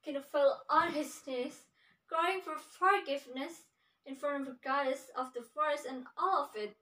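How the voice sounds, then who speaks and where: A young adult woman narrating a story slowly and carefully for a storytelling competition. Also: high voice, pushed and bright. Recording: echoey room, distant mic.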